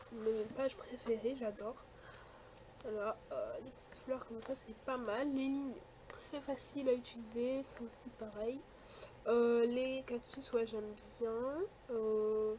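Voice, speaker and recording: Young woman vlogging her haul, lots of euh and restarts, bit high voice, faint hiss behind. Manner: chatty, many fillers and restarts, quick likes and dislikes. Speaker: vlogger showing a shopping haul. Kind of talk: casual chat.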